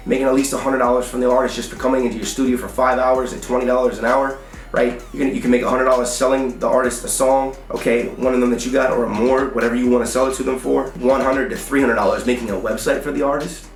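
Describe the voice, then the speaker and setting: Slightly off the mic in a room with echo, an American man with a medium-pitched voice gives a motivational how-to talk. He's a music business coach selling online courses, and his delivery is blunt and emphatic, packed with repetitive hustler slang.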